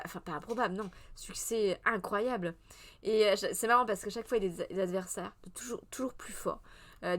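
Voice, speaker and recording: A woman's voice: mid-range voice, a bit bright. Chatty woman rambling through a live review. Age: 30s. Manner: chatty and meandering, with many hesitations and self-corrections; answers the live chat as she goes. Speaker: streamer hosting a culture press review. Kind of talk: casual live press review.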